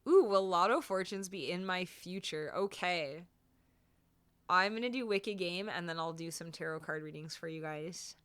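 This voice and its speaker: A woman's voice: fairly low pitch, normal speed, a bit bright, clean tone. A woman with a Canadian accent chatting casually on a music livestream, thanking viewers in a cute, gushing way. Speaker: music streamer.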